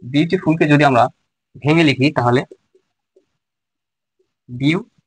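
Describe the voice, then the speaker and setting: Male tutor, slightly high voice, dry close sound, slow, repeats himself. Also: dry recording, low-quality recording. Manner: slow, repeats phrases while writing examples. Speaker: teacher. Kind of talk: Bengali grammar lesson.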